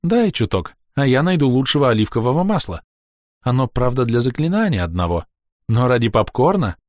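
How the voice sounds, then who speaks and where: A man's voice: medium pitch, sing-song, brisk, no echo, studio quality, pitched above the performer's own voice, lightly acted. A man voicing a haughty, indignant female baroness who talks in a raised, demanding tone. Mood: indignant wheedling.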